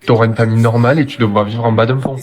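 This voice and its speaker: Man as a fast, blunt young fellow. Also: medium pitch, fairly even intonation, a little mellow, lightly acted. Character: blunt, nagging male acquaintance giving warnings. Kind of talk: scripted skit, text-to-speech dialogue.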